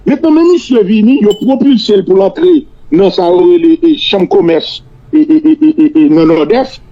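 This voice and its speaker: High-pitched Haitian man, Creole-mixed French. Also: mellow. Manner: mixes French with Creole, repeating words haltingly. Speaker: political commentator. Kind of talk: political analysis on a talk show. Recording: dull lo-fi radio-like audio.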